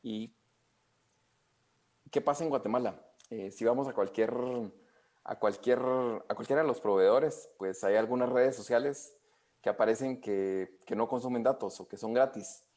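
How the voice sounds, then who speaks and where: A man's voice: mid-range voice, moderate pace, darkish tone. A man answering interview questions, explaining at length with frequent hesitations and fillers. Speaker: expert guest.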